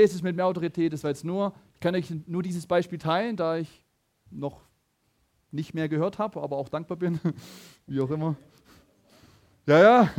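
A man preaching a sermon, telling a personal story with animated stammering restarts and talking straight to his listeners. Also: on the high side. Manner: animated, stammering restarts, addresses the audience directly.

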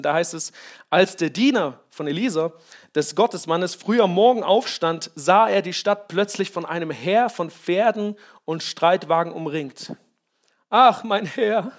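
A male pastor preaching a sermon, emphatic, often checking in with his congregation. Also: fairly high pitch.

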